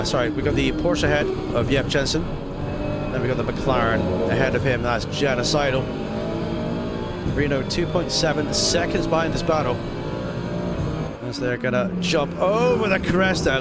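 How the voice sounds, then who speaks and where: A man commentating live on a sim race as a motorsport commentator, calling the action play-by-play and posing rhetorical questions. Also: mid-range voice. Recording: loud car engine noise behind.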